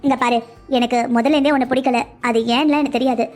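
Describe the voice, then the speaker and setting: A woman's voice: sits high, fairly even intonation, fast talker, soft background music, natural voice. A woman voicing a scolding rich mother-in-law. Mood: stern. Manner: sharp, scolding, sarcastic. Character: proud wealthy middle-aged mother-in-law, scolding. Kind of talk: cartoon dubbing.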